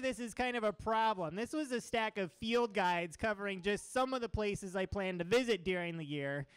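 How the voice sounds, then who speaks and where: A young guest speaker from Oregon gives an enthusiastic slide talk to a seated audience in a small, crowded room, holding a microphone and gesturing with his free hand. His voice sits high with a clean tone, and the recording is dry.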